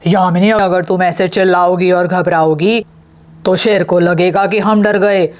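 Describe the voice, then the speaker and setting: A woman voicing a calm, brave young father who speaks steadily and gives firm orders. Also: on the low side, unhurried, lightly acted. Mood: steady. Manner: steady, commanding, reassuring.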